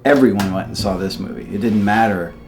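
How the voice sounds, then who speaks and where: A man's voice: lowish voice, fairly quick, a little mellow, faint music behind. A man in a documentary interview, speaking emphatically.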